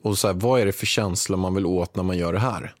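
A man's voice: low voice, steady tone, no room sound, studio quality. A man hosting a casual conversation, asking his guest curious follow-up questions. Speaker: podcast host. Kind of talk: casual interview.

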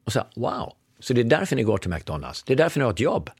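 A middle-aged man tells a story in a relaxed conversation and voices each person in it himself, his pitch leaping up and down as he goes. His voice is slightly husky and sits a little low. The sound is dry and close, with no room echo. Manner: animated storyteller acting out dialogue. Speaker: podcast guest.

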